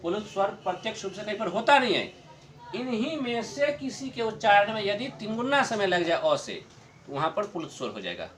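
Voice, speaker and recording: A middle-aged man teaching a grammar lesson to a class, explaining slowly, repeating his points and chuckling often. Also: high-pitched, sing-song, fairly bright tone, a little hiss or hum.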